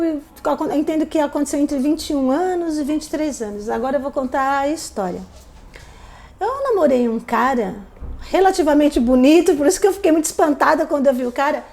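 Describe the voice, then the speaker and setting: A woman hosting a live stream, telling a story from her own life in a fairly high voice. She tells it with plenty of animation and acts out the voices of the people in it. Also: a little mellow.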